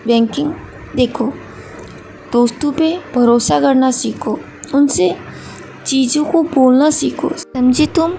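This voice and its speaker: A woman voicing a teasing young male college student who sulks and pleads in turn, with a high, gravelly voice. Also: slow pace, pauses often, mellow, a little hiss or hum, heavily acted. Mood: sulky. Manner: pleading, then sulky and coaxing.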